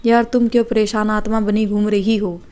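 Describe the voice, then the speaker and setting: A woman's voice: mid-range voice, little pitch movement, moderate pace, dark tone, lightly acted. Woman playing a cheeky, teasing young man. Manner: cheeky, joking banter.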